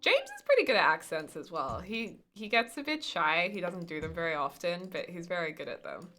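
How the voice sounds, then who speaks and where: Woman, bright voice, lively melodic range, playful casual live-stream chat, music in the background. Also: fairly low pitch, brisk. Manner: playful, chatty, slips in and out of put-on accents. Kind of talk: casual live-stream chat while playing a building game.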